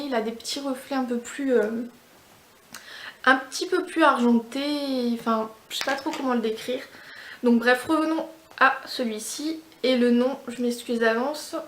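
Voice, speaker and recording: A fairly high-voiced woman from France, chatting away about her makeup and nail polish. She talks casually, full of little fillers and false starts, and her voice rings in an echoey room. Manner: chatty, many fillers and restarts. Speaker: beauty vlogger. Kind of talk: casual product review.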